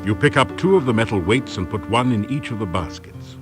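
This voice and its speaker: Man as a deep adventure game narrator. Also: lively intonation, fairly quick, music in the background, close to an everyday voice. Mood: wry, descriptive. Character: male storybook-style narrator of an adventure game. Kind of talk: scripted second-person game narration.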